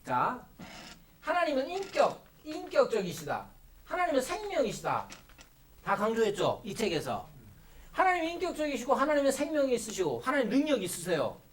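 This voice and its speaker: A man's voice: very high voice, wildly swooping pitch, fairly quick. A man, a pastor, teaching a Bible study class in a church classroom, asking rhetorical questions and acting out playful mock prayers.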